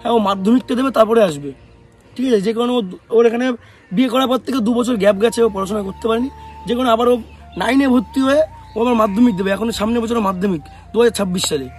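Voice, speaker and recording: A man's voice: very high-pitched, quick pace, soft background music. A young man from West Bengal, a vlogger talking casually to the camera, answering comments in a defensive way with many rhetorical questions. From West Bengal, India. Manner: defensive, rhetorical questions, calls viewers bhai.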